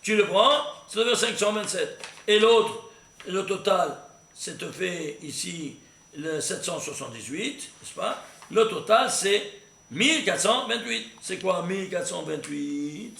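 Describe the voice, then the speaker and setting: A man teaching a recorded Torah class, animated and constantly quizzing his listeners with questions. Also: high-pitched, a little slow, vocal fry. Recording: echoey room with faint noise.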